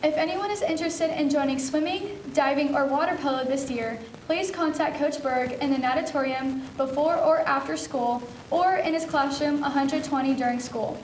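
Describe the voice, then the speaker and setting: A woman's voice: high voice, moderate pace, few pauses, reverberant, a little hiss or hum. A teenage girl co-anchoring a school news show, steadily reading scripted announcements. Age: teens. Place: school TV studio.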